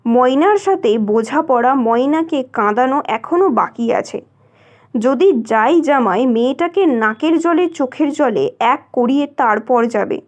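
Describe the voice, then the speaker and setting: A woman reading a literary short story aloud in a measured narrating voice. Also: high-pitched, expressive. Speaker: story reader.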